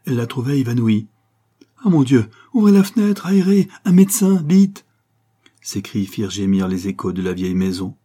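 A man reading a literary story aloud as narrator, measured and expressive. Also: lowish voice, slightly rough.

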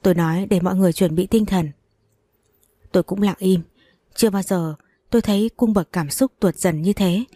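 A woman narrating a first-person story in a calm, measured reading voice. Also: medium pitch, no echo.

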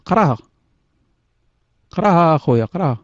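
A man's voice: a little high, expressive, fairly quick, dry recording. Teasing Moroccan man on lo-fi voice chat. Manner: teasing, laughs often, mixes in French words. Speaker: host of an online voice chat room. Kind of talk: casual chat. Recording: dull, dry lo-fi voice chat audio.

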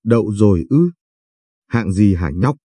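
A man voicing a shy, flustered young woman in her twenties in an audio story, scolding her brother, with a dark, husky voice. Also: fairly low pitch, animated, a little slow, no echo.

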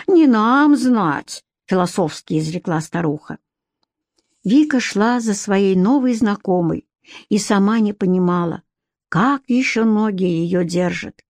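A woman narrating an audiobook in a steady, expressive storytelling manner, recorded close to the mic. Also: mid-range voice, no echo. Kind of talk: scripted narration.

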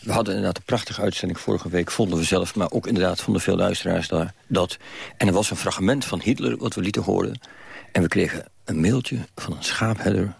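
A man with a gravelly, husky voice hosts a radio show. He speaks conversationally to listeners and studio guests in a fairly low register. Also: a little fast, no room sound. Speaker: radio host.

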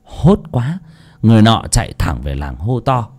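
A man reading a story aloud as an audiobook narrator, in an expressive, dramatic way. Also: lowish voice, normal speed, slightly rough.

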